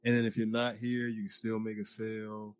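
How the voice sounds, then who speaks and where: An American podcast guest with a fairly low, monotone voice chats casually and emphatically at a fairly quick clip, talking loosely with fillers. He's speaking through a VR headset mic inside a virtual reality social space.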